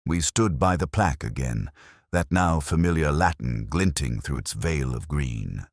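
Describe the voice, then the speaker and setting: This is scripted first-person mystery narration, told by a man whose voice is very deep. He sounds melancholy and measured, though his pitch stays lively, and the audio is dry without any surrounding room.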